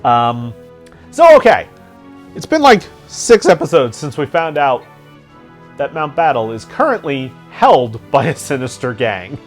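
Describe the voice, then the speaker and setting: Giggly gaming host rambling through a guide, super lively voice, faint game music. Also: mid-range voice, unhurried. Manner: chatty, giggly, lots of fillers. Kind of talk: let's play commentary.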